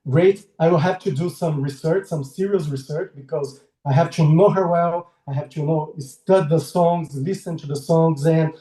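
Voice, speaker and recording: A Brazilian illustrator in his forties, carrying a Brazilian Portuguese accent, talks as a guest in a casual video-call interview, friendly and hesitant with frequent laughter. His warm voice is on the high side, moving at a moderate pace with few pauses. The recording is rough and roomy.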